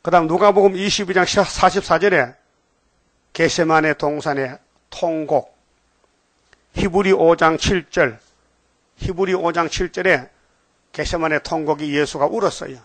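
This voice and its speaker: Guy preaching, tells stories, keeps asking the crowd, bit high voice, dry sound. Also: moderate pace, pauses often, no room sound. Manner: animated storytelling, calls out for replies. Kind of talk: sermon.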